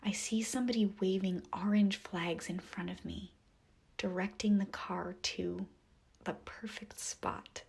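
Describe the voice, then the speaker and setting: With long pauses and a gentle, soothing manner, a woman whispers a guided meditation visualization in a soft, breathy voice. Her pitch is medium and her tone steady.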